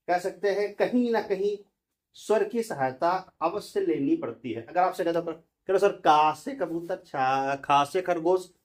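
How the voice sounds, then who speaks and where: A male teacher whose voice is slightly high and a little mellow teaches a classroom grammar lesson. He breaks every point down step by step, raising questions and supplying the answers himself.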